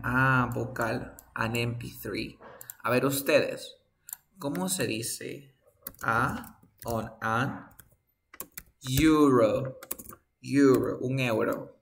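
A man teaching an online class, speaking slowly and patiently, stopping often to ask his students questions. His voice is bright and forward, and the sound is a plain video-call recording. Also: medium pitch, vocal fry, a little hiss or hum. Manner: slow, patient explaining with frequent questions to students. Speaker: English teacher. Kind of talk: online class taught in Spanish.

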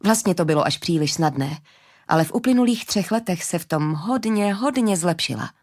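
A woman narrating a fantasy audiobook in a steady, even storytelling manner. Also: lowish voice.

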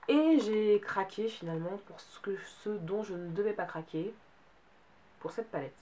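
A woman's voice: mid-range voice, moderate pace. A young adult woman, a beauty vlogger chatting casually, sounding a bit tired with a cold. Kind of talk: casual haul chat. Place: bedroom, indoors. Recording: faint background noise.

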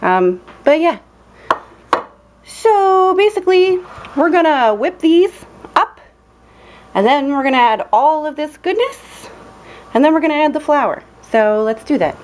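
A young cooking vlogger demonstrates a recipe in her dim home kitchen, chatty and playful, full of ums and cheerful exclamations, the camera held close on her hands. Her high voice is expressive and darkish in tone, at a measured pace with long pauses.

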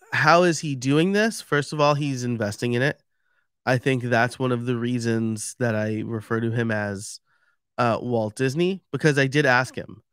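A man's voice: mid-range voice, a bit bright, clean tone, dry recording, clean studio sound. A man with a New York accent giving a casual, chatty livestream talk and explaining step by step with many fillers. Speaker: podcast expert giving a live stream talk.

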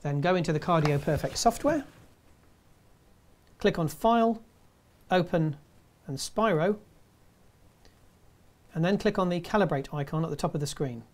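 A man in his fifties presenting a scripted tutorial in a measured, step-by-step way. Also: fairly high pitch. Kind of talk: scripted instructional narration.

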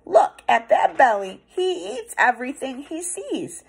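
A young woman with a high, creaky voice reads a picture book aloud for children the way a teacher might. Her style is theatrical and playful, full of drawn-out words and hushed asides. She's recording in a small office room indoors.

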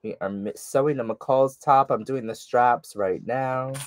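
In a sew-along video with no echo, a man with a stuffy nose chats easily with his viewers, naming them as he works. His voice sits in the mid range and his pace is measured.

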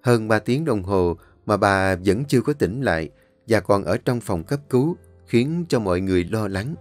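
A man narrating a story, reading in a steady, measured way. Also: on the low side, soft background music.

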